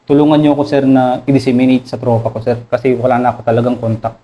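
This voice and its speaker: A Filipino army officer with a Filipino accent, recounting combat in an interview, deferential and halting, adding "sir" to nearly every phrase. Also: male voice, medium pitch, flat delivery, lo-fi sound. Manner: deferential, says "sir" constantly, halting with many fillers. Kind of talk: interview storytelling.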